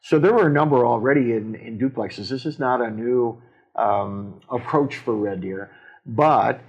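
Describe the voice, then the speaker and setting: Canadian mayor guy, husky, lots of uhs and restarts, casual council chat. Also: mid-range voice, dull audio. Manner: halting, many fillers and restarts. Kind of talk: casual civic discussion.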